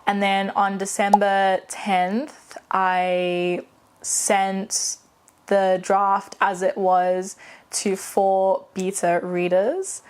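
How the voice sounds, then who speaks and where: In a laid-back personal vlog, a late-twenties woman from South Africa who vlogs and hopes to be a novelist speaks at a medium pitch. Her South African accent shows British and American touches, and her chatty, candid style is full of fillers and self-corrections.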